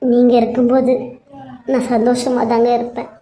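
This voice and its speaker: A woman voicing a young, pregnant wife in an animated serial, pleading and apologetic. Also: on the high side, moderate pace, slight background noise, natural voice. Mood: tearful pleading. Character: young tearful wife, pregnant after long wait. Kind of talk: cartoon serial voice acting.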